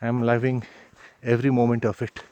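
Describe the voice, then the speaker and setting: Male travel vlogger, mid pitch, casual walk-and-talk on a mountain trail, phone-recorded outdoors. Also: monotone, brisk, dark tone, smooth, no room sound, lo-fi sound. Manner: chatty, thinking aloud while hiking. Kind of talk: casual walking commentary. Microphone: handheld phone camera.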